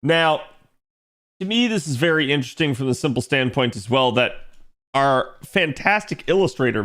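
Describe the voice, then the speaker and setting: A male streamer with an ordinary mid-pitched voice talks through a game analysis in a relaxed, conversational way. He addresses his viewers directly as he goes.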